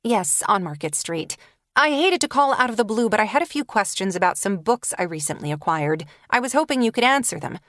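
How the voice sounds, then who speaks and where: A woman's voice: medium pitch, animated, fairly quick, fairly bright tone, no room sound, studio quality, lightly acted. A woman narrator voicing an eager, flustered young woman book dealer in an audiobook. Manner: eager, breathless.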